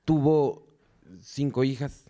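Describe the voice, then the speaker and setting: A man's voice: medium pitch, steady tone, slow pace, mellow. A man from Mexico with a Mexican accent, speaking as a wrestler answering interview questions in short segments. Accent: Mexican Spanish.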